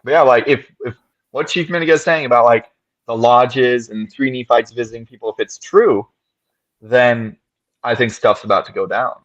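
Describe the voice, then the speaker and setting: A man's voice: mid-range voice, moderate pace, a bit bright, muffled recording. A man on a podcast talking through ideas at length in casual discussion, often checking in with "right?". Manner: thoughtful, explains at length with frequent "right?". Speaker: podcast co-host.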